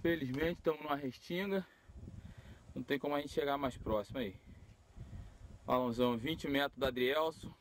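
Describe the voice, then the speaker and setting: A man giving a casual, excited running commentary outdoors on a windy shore, filming on a phone and calling out to friends. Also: medium pitch, moderate pace, long pauses, poor audio. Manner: excited, swearing, calls out to friends. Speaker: balloon chaser filming. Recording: loud wind noise outdoors.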